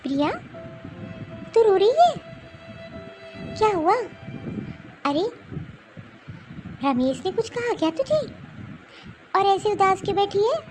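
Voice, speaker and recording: A woman's voice: extremely high pitch, expressive, a little slow, pauses often, soft background music, low-quality recording. A woman voicing a caring mother-in-law in her seventies in a cartoon, who speaks in a coaxing, consoling way. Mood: worried. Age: 70s. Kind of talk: cartoon voice acting.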